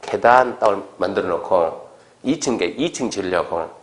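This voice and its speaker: A man's voice: deep voice, animated, normal speed. A male lecturer giving an exam-prep lecture in a conversational way, acting out little exchanges as he explains. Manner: conversational, acts out quoted exchanges.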